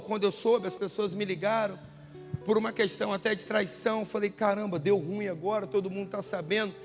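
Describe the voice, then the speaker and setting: A man's voice: sits high, gravelly, big-room sound. A man preaching a sermon as a pastor, telling stories in a casual, slangy way. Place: church hall.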